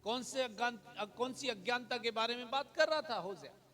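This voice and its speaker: A man preaching a sermon as pastor, mixing in English phrases, building to shouted emphasis and calling out hallelujah. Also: very high voice, normal speed, faint music behind.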